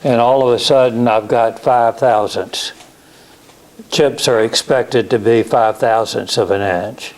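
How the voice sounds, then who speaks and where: A man teaches a hands-on technical class. His voice sits at an average pitch and he talks at a very unhurried pace. He explains practical details haltingly, like an instructor walking students through a demonstration. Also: fairly even intonation, poor audio. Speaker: class instructor in CNC woodworking. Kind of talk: technical lecture with slides and software demo.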